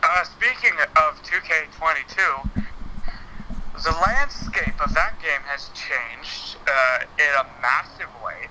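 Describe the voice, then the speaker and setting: A man talking through a phone on speakerphone, chatting casually as a podcast guest, halting with many fillers. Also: fairly high pitch, animated, sharp tone, slight background noise, poor audio. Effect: heard over a phone on speakerphone. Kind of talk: casual chat about wrestling games.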